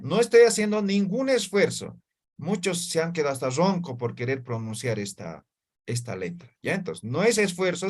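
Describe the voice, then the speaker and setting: This online language teacher has a mid-range voice. He walks students through the material with patience, sounding things out slowly and regularly asking how they're doing.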